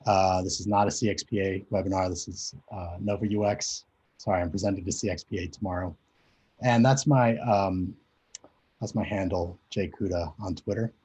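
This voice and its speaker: Speaking through a video call mic, a conference presenter in his forties who grew up in Japan talks hesitantly and casually, leaning on plenty of fillers. His low voice sounds mellow and husky, and the recording is muffled.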